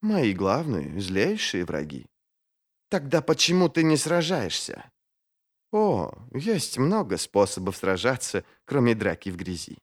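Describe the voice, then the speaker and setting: A man's voice: mid-range voice, huge pitch swings, unhurried. A man voicing a sly, smirking male mage with a silky, mocking manner.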